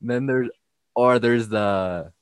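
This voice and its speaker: A teenage young man from Mexico, a podcast guest who answers in a hesitant, halting way. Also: medium pitch, clear, resonant tone, dry recording, studio quality. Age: teens. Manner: hesitant, halting, laughs often. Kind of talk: casual interview chat.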